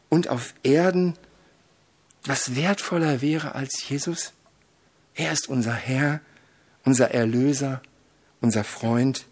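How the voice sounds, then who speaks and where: A man preaching a sermon, solemn and measured, who swells to loud dramatic emphasis when telling a story. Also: fairly high pitch.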